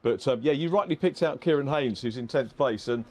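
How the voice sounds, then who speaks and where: A man's voice: mid-range voice, brisk, darkish tone. A man giving conversational motorsport commentary and analysis in a rambling, hesitant, self-correcting way.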